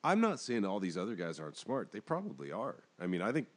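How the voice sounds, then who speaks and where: Casting: deep-voiced male podcast host, casual rambling sports talk. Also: quick pace. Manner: animated, rambling.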